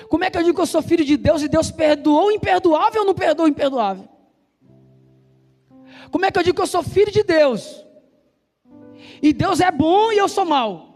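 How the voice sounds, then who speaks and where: A man with a Brazilian Portuguese accent preaching a sermon in a church, talking fast and loud and firing call-and-response questions at the congregation. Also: very high voice. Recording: reverberant church hall with soft instrumental music.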